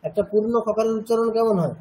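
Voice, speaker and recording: Poor audio captures a high-sitting, dark-toned man instructing a Sanskrit chanting class at a cultural centre classroom. He calmly goes over pronunciation rules, repeatedly questions students to confirm they follow, and demonstrates syllables in slow chant.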